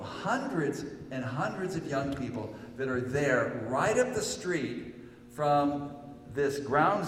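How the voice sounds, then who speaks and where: An older male pastor preaches slowly in a mellow, slightly raised voice, wandering through his points with plenty of ums and then swelling into emphatic declarations. His voice rings through a church hall with a long, roomy reverb. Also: medium pitch, slight background noise. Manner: rambling, halting with many fillers, rising to emphatic peaks. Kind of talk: sermon.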